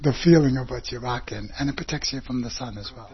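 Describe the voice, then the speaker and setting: A man who runs a clothing shop sizes up an outfit in an interview, sounding assured but often pausing on fillers. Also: mid-range voice, slightly rough, dull audio. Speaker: clothing shop owner, style critic.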